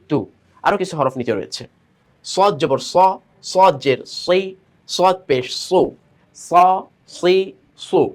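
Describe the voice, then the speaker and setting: A man teaching Quran reading, slowly drilling syllables and explaining where the tongue should touch. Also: on the high side. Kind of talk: step-by-step pronunciation lesson.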